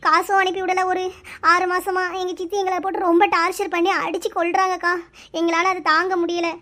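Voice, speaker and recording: A woman's voice: very high-pitched, pushed and bright. A woman voicing a mistreated young village woman in her twenties in a cartoon, telling her hardships in a tearful, pleading way. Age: 20s. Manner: tearful, pleading, rapid storytelling. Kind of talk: cartoon voice acting.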